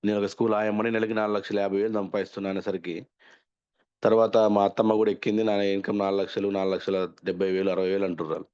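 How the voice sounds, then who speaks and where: Man, low voice, talks fast and rambles, dull lo-fi recording. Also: flat delivery, darkish tone, smooth. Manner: chatty, rambling, self-correcting. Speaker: speaker sharing success story. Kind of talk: casual storytelling. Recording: dull lo-fi audio.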